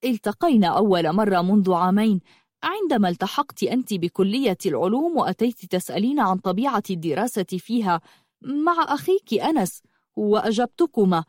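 A woman's voice: medium pitch, big pitch swings, a little fast, no echo. An earnest, lovesick young man, as a woman narrator puts him on, caught off guard and explaining himself in a storybook reading. The voice rises and falls freely and sits close and dry.

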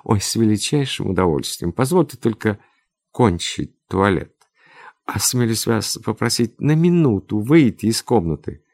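A man's voice: lowish voice, animated, moderate pace, a little mellow, dry recording, clean studio sound, voice pushed up. A man reading aloud, voicing an affected, fussy middle-aged woman in a storybook tale with simpering speech.

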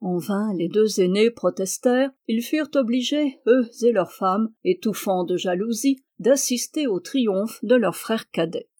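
Femme au timbre doux, conte lu. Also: female voice, mid-range voice, unhurried, hardly any pauses, mellow. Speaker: audiobook reader. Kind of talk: scripted narration of a fairy tale.

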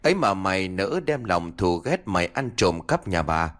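Guy putting on cruel old village woman, low voice, scolding and taunting, ghost story. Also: big pitch swings, normal speed, fairly bright tone.

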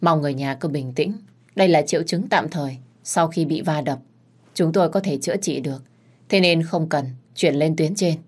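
A woman voicing a calm, low-voiced doctor. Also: moderate pace, husky. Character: calm doctor reassuring a patient's family.

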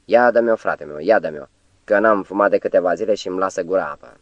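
A man voicing a chatty, down-and-out former diplomat with a thin, squeaky voice and an eager, wheedling manner. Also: no room sound, dull audio, lightly acted. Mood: pleading. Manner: eager, wheedling, long-winded.

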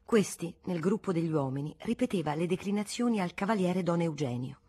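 A woman reading a classic novel aloud as an audiobook narrator, in a measured, expressive way. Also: on the low side, breathy edge.

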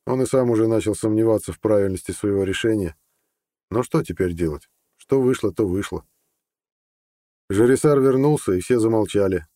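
A man reading a fantasy novel aloud in calm, even scripted narration. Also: fairly low pitch, dry recording, studio quality. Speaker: audiobook narrator.

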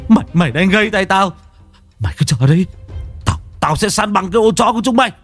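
A man's voice: high voice, lively intonation, fast talker, fairly bright tone, soft background music, pitched above the performer's own voice. A man voicing a beaten young thug who screams stammering threats in pain. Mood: raging pain.

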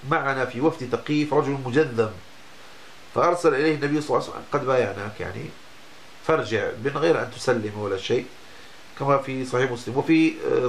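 A man's voice: medium pitch, gravelly, a little hiss or hum. A man, a religious teacher giving a lesson on Islamic law, explaining patiently and often breaking off to restart a word. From Morocco.

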